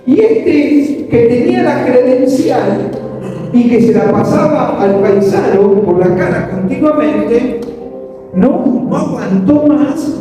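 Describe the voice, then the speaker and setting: Man, Rioplatense accent, high mellow voice, pastor preaching, lively storytelling, distant mic in a reverberant church with faint music. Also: slow pace. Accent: Rioplatense Spanish. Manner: animated storyteller, acts out quoted voices. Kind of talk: sermon with storytelling. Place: large church hall.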